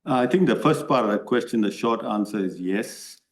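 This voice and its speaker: Speaking at a moderate pace, this Tamil-speaking man from Malaysia has a fairly low, expressive voice as he responds to questions from a parliamentary committee he has made a submission to. His manner is earnest, he often tags on "right?", and there's echo in the room.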